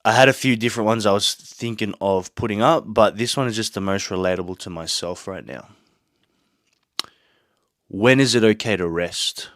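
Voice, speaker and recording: A man with a lowish, fairly bright voice speaks at a moderate pace, with no echo. He hosts his own podcast from a small home studio, sick with a sore throat and a blocked nose, delivering an earnest, motivational solo monologue full of rambling asides.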